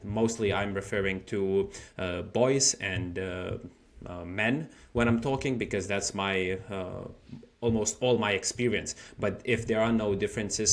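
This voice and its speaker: A man hosting a podcast, asking his guest questions in a hesitant way with frequent "uh" fillers. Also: fairly low pitch. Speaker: podcast host. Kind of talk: interviewing a guest.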